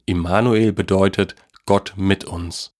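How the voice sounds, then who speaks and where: A kind, warm old grandfather from a children's storybook, put on by a man reading aloud. He speaks low and explains things gently and unhurriedly. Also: steady tone, slow pace. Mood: gentle.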